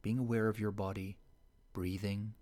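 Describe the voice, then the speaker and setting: A man leading a guided meditation in a soft, slow and soothing voice that sometimes sinks to a whisper. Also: fairly low pitch, level tone.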